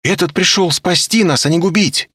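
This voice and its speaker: A man's voice: sits high, moderate pace, pushed and bright, husky, no room sound, studio quality, voice pushed up, heavily acted. A man reading an audiobook, voicing a nervous, frail young woman who screams her pleas. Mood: insistent. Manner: screaming pleas at full force. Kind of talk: audiobook character voice.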